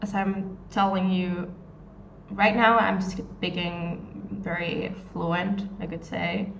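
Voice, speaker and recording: A woman in her twenties from Argentina, a native Spanish speaker with an Argentine accent, works as a Spanish tutor and answers a question during a live lesson, hunting for English words with many ums and restarts. Her lowish voice is level and unhurried, with vocal fry. She's recorded indoors in a small room on a phone held at arm's length, so the audio is echoey and dull with faint noise.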